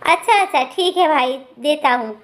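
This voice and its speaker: A woman's voice: high voice, animated, normal speed. A woman voicing an exasperated young husband who scolds his wife.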